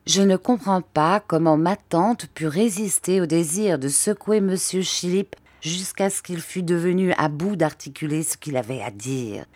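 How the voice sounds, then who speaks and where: A woman reading a classic novel aloud in measured, expressive narration. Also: fairly low pitch, dry recording. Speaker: audiobook reader.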